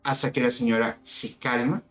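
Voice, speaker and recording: A man's voice: mid-range voice, fairly even intonation, normal speed. A man telling a story in casual conversation, recounting events in detail and acting out the dialogue. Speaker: guest. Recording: echoey room with soft music.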